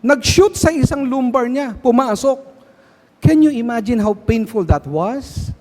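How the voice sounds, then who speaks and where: A man's voice: extremely high pitch, animated, a little slow, darkish tone. A man with a Filipino accent preaching a sermon at a prayer meeting, often asking his listeners questions. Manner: switches between Tagalog and English, asks the crowd questions. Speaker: guest preacher. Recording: long hall reverb.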